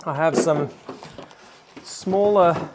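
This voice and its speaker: A man's voice: a little high, extremely slow. Casual Australian man, noisy recording. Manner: rambling, self-deprecating, slangy. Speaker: gardening video creator. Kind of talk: casual chat while demonstrating a task.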